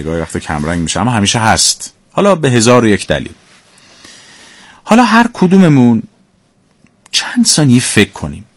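Low-voiced male storyteller. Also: no echo. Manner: warm-spoken, addresses listeners politely, reflective. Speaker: radio story narrator and host. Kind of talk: scripted narration of a moral story.

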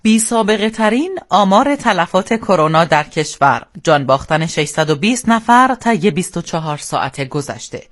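An Iranian man delivers a radio bulletin as a solemn, formal newsreader. His voice sits a little high for a man. The reading is scripted and measured in tone, as heard from a studio. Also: sing-song, fairly bright tone.

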